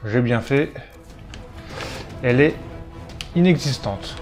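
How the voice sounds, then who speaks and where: A man's voice: medium pitch, expressive, slow, darkish tone, faint music behind. A man giving casual video game commentary, thinking aloud as he plays. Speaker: let's player.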